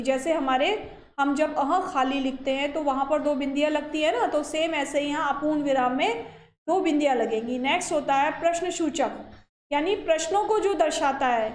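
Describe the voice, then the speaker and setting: A woman teacher giving a grammar lecture, explaining step by step and checking in often with her listeners. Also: high-pitched. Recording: echoey room.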